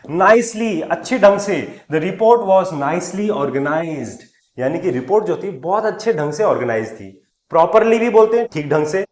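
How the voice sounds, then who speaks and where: A man teaching English words, reading example sentences slowly and clearly, then explaining them in Hindi, stressing each new word loudly before trailing off softly. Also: a little high, echoey room.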